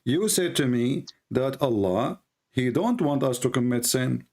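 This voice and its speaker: A man with Arabic as his first language hosts a combative live debate on religion, speaking non-native English and hammering home his phrases through repetition. His voice is mid-range and darkish, unhurried, with lively intonation.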